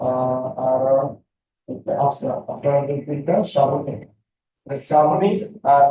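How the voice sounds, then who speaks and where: A man's voice: mid-range voice, mellow, slight background noise. A man teaching a Bangla lesson, calling out student names and drilling them with repeated questions. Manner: reads out student names and answers. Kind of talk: online class lecture. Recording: echoey, distant, dull lo-fi.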